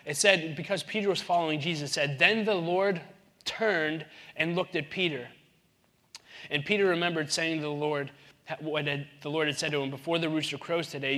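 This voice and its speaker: A man in his thirties preaching a sermon in an animated way, acting out the voices in the Bible story. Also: a little high. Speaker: pastor.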